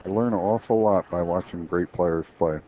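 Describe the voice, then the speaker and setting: A man's voice: low-pitched, normal speed. A man commentating a pool match in a chatty way, explaining shots with frequent restarts. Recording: dull lo-fi stream audio with faint noise.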